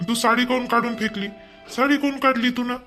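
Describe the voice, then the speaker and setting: A man, playing a young husband who coaxes his crying wife to calm down. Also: extremely high pitch, fairly quick, soft background music. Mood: pleading. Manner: pleading, coaxing. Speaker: actor in a family drama. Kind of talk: amateur family drama acting.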